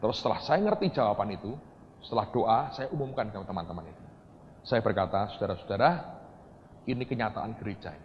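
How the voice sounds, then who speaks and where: A man preaching a sermon, telling a story in a lively way that swings from quiet asides to shouted excitement. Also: lowish voice, fast talker, slight background noise. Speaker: pastor. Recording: dull lo-fi church hall recording with echo.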